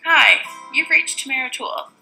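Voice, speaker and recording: A woman's voice: sits high, animated, normal speed, creaky, poor audio. A woman speaking a polite, scripted voicemail greeting. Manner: polite, scripted greeting read over a guitar track. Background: soft guitar music.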